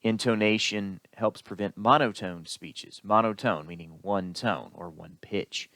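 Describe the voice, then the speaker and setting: A man with a very low voice lectures on public speaking in a steady, explanatory way. The recording is dry and close, with no room sound. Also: no room sound. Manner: explanatory, unhurried, with occasional fillers. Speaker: instructor.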